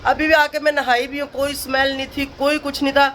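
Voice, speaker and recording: A woman's voice: high-pitched, flat delivery, a little fast, a bit bright, a little hiss or hum. A woman from Pakistan, chatting to camera in a casual family vlog, tired, laughing often and calling out to relatives. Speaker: family vlogger.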